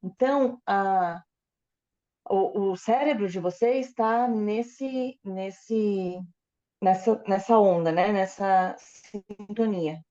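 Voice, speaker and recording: A woman with a mellow, medium-pitched voice speaks slowly on a lo-fi recording while interpreting a lecture into Portuguese. She hesitates often, using fillers and correcting herself along the way.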